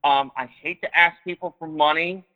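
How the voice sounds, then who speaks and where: A man's voice: on the high side, fairly even intonation, moderate pace. A man calling in over a choppy phone line, chatting casually, rambling and hedging with the odd swear word. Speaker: caller. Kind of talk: casual call-in chat.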